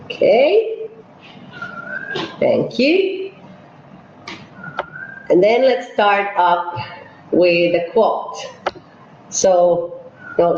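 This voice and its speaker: A woman's voice: lowish voice, darkish tone, slight background noise. A woman from Finland, an operations manager, hosting an online webinar and walking viewers through polls and a presentation. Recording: echoey, dull webinar audio.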